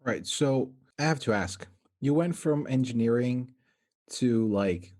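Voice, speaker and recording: A man's voice: medium pitch, lively intonation, measured pace, a little mellow. A man hosting a casual video-call interview, rambling and self-deprecating. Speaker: interview host.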